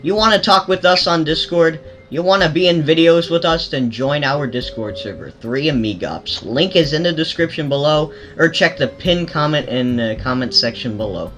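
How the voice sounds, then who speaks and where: Excitable young-sounding gaming host. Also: male voice, fairly high pitch, normal speed, few pauses, faint music behind. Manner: excitable, yelps during fights. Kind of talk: casual gameplay commentary.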